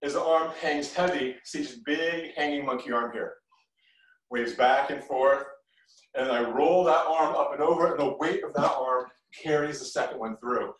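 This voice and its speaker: At a normal speed and in a slightly high voice, a middle-aged martial arts instructor coaches a live kung fu session with short directives and positive feedback. The indoor living room is medium-sized, and the far-off camera mic adds a roomy echo.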